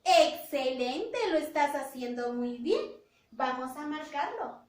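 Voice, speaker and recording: A woman teacher giving a phonics lesson to young children, drawing out words slowly and praising in a sing-song way. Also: high voice, expressive, darkish tone. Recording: roomy echo, voice from a distance.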